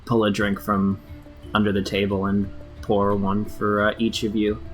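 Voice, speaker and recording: A man's voice: lowish voice, monotone, a little slow, rough recording. A man running a tabletop game, improvising narration and talking casually with players as game master. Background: faint music.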